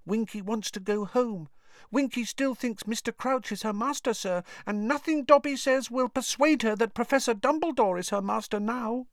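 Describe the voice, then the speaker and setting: A storybook narrator voicing a timid, devoted male house elf with a high, squeaky voice. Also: expressive, normal speed, hardly any pauses, no room sound, studio quality. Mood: anxious. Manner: squeaky, speaks of himself by name.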